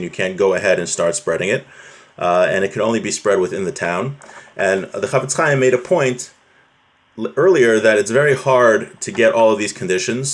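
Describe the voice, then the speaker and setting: A religious teacher with a fairly low voice gives an informal Torah class. Reading from a text, he explains it conversationally and keeps turning to his listeners to make sure they follow.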